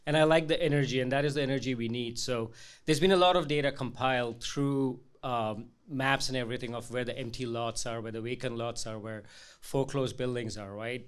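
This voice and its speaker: Male community volunteer, average pitch, explaining plans informally at a meeting. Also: fairly bright tone, clean tone. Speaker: volunteer member, speaker.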